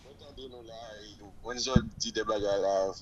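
A man's voice: fairly low pitch, normal speed, lo-fi sound. A man talking football on a radio show, hesitant and repeating words as he explains. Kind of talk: radio sports talk.

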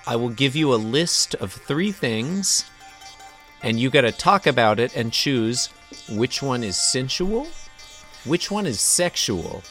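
A man's voice: medium pitch, slow pace, soft background music. A man hosting a casual podcast, bantering playfully and running a made-up game like an emcee. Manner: animated, playful game-show emcee delivery. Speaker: podcast host.

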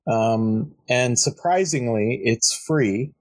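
A man's voice: mid-range voice, takes it slowly, low-quality recording. A young man co-hosting a podcast in casual chat, rambling with lots of ums, sounding like he just woke up. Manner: rambling, many ums and restarts, sleepy-sounding. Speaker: podcast co-host.

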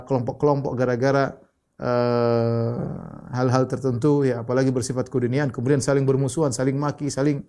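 A man giving an Islamic religious lecture, telling a story, quoting Arabic and translating it, with frequent restarts. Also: mid-range voice. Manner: explanatory, restarts often, quotes Arabic then translates; rises sharply when voicing shouts in the story. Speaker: Islamic preacher.

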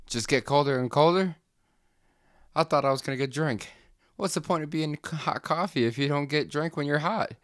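A man voicing a needy male coffee cup that complains loudly about going cold. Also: normal speed, no room sound, studio quality, lightly acted. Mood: whiny, demanding. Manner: loud, high, complaining.

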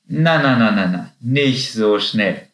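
A man's voice: fairly high pitch, big pitch swings, moderate pace, a bit bright, pitched above the performer's own voice. A man voicing a bossy little guinea pig in a children's story. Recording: roomy echo.

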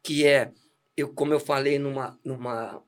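A man's voice: mid-range voice, fairly even intonation, unhurried. A middle-aged man, a deacon telling his life story in a casual, laughing way with many restarts. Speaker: deacon giving testimony. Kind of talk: casual testimony chat.

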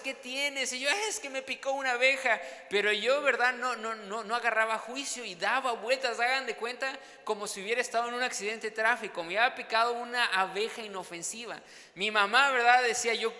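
A man with a Mexican accent preaching a sermon as pastor, telling a personal story in an animated, dramatic way and often tagging his sentences with questions. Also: high voice, long reverb tail. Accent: Mexican Spanish.

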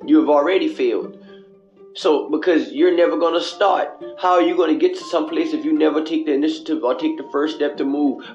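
A man's voice: fairly high pitch, a little mellow, dull audio. A man hosting his own radio show in a casual, motivational monologue, preachy and repetitive, with street slang and swearing, recorded on a cell phone headset in an echoing bathroom. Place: small indoor bathroom. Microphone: cell phone with headphones.

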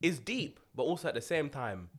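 A young man with a London roadman accent, chatting casually with a friend in slangy, animated storytelling. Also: on the high side, moderate pace. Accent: London roadman, urban multicultural London slang. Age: young adult. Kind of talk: casual banter between friends.

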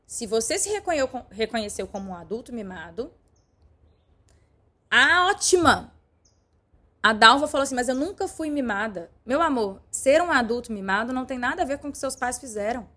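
Speaking a little fast with lively intonation and a fairly high pitch, a middle-aged woman leads a live-streamed online class. Her coaching is warm and direct, and she talks to her viewers affectionately.

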